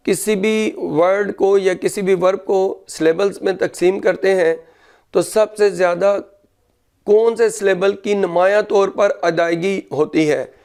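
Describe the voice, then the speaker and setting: High, clear-voiced male teacher. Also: a little mellow. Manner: dictates English rules slowly, then explains briskly in Urdu; spells words out letter by letter. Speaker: English grammar teacher. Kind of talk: grammar lesson, dictating and explaining.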